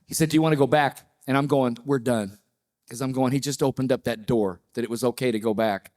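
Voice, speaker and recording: A man in his sixties, a panelist telling a personal story with lively, acted-out quotes. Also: mid-range voice, fast. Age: 60s. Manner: animated storyteller, acts out quoted voices.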